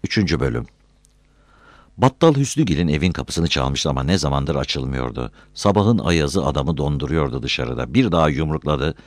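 A deep-voiced man reads a novel aloud in measured storytelling. His pitch moves with lively variation. The recording is dry and close. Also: no echo. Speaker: audiobook narrator. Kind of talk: scripted narration.

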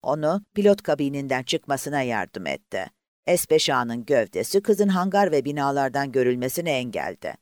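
A man's voice: medium pitch, no room sound, studio quality. A man narrating an audiobook expressively and voicing the characters himself.

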